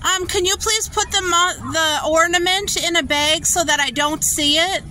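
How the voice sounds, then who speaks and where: A woman's voice: very high-pitched, moderate pace, bright, forceful tone, a little hiss or hum. A woman ordering food at a drive-through from her car, polite and upbeat, with a few hesitant ums. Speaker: vlogger.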